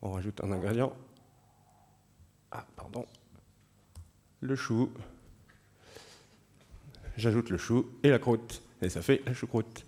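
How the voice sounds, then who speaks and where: A man's voice: mid-range voice, slow pace, pauses often, darkish tone. A man with a French accent giving a conference talk, explaining a live code demo step by step with fillers. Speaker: conference speaker.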